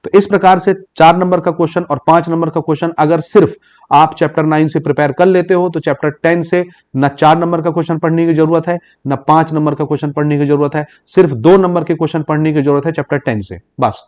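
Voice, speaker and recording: A man's voice: fairly high pitch, steady tone, a little mellow. Man teaching, reading out exam questions. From Chhattisgarh, India. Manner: explains in Hindi mixed with English terms, repeating "ठीक" to check understanding; reads English exam questions slowly aloud. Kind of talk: exam-prep lesson.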